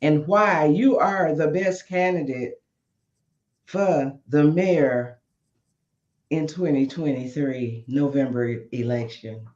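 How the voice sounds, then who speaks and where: A man hosting an interview show, reading a formal introduction and questions slowly. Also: on the high side, darkish tone. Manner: slow and formal. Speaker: host. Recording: dull, echoey room sound.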